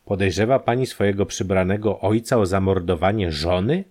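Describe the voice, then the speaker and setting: A man voicing a calm, matter-of-fact detective who asks measured, businesslike questions in an audiobook. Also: low-pitched.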